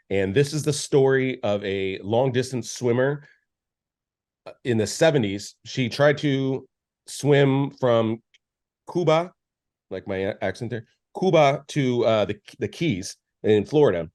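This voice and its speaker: This man's mid-range voice has a darkish tone as he co-hosts a podcast. He gives a loose, meandering movie review, restarting often and using plenty of fillers in casual conversation.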